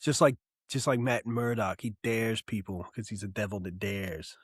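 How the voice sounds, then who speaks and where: A man co-hosting a comic book podcast, talking loudly and excitedly, swearing a lot and laughing often. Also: on the low side, moderate pace, breathy edge, no echo, studio quality. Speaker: podcast co-host. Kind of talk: casual chat.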